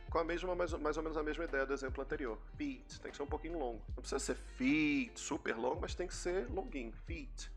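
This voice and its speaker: Brazilian man, young adult, chatty English teacher, bright clear voice, faint music underneath. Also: medium pitch. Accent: Brazilian Portuguese. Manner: chatty, explains with repeated examples. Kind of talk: casual YouTube English lesson.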